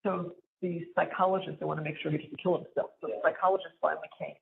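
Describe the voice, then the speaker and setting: A woman's voice: low-pitched, fairly even intonation, gravelly, a little hiss or hum. An older woman talking hurriedly on a recorded jailhouse phone call, checking whether the line is still connected. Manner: hurried, talks over dropped line. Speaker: jail inmate on a call. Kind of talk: private phone conversation.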